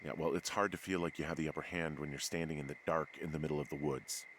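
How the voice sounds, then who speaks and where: An actor playing a weary fire lookout with a dry, deadpan manner in a video game. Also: male voice, extremely low pitch, quick pace. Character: weary, dry-humored man alone in the woods. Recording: game audio with forest ambience noise.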